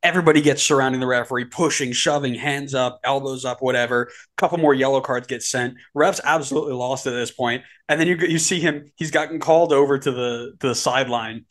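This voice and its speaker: A man co-hosting a casual soccer podcast, with a mid-range voice. He tells stories with animated energy, and his voice climbs as the excitement builds. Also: fast, few pauses. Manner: animated storytelling, climbing pitch when excited. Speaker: podcast co-host.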